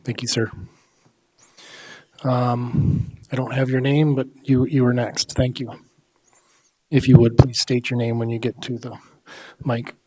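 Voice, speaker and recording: A man with an American accent moderates a public meeting in a polite, procedural and somewhat halting way. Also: mid-range voice, flat delivery, dark tone. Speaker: meeting chair.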